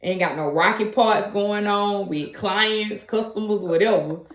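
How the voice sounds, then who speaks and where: A woman's voice: medium pitch, unhurried. Laid-back woman co-host, echoey room. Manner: laid-back, informal advice-giving. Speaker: podcast co-host. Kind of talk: casual business podcast chat. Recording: roomy echo.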